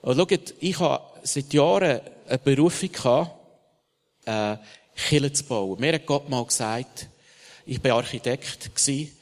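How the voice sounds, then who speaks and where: A man with a Swiss German accent preaching a sermon, passionate, swinging between loud emphatic bursts and hushed asides. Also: medium pitch, a little slow. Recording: long hall reverb.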